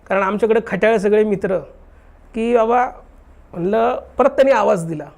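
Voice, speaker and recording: His voice sits high and is creaky, moving a little fast. He's a young man and guest in a casual conversation, animatedly recounting a true ghost story and acting out the dialogue as he goes.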